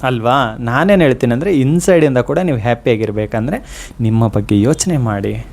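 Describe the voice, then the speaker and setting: A man giving an earnest devotional motivational talk. He speaks directly to his listeners and repeats his points. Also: medium pitch. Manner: slows to a soft chant for prayers.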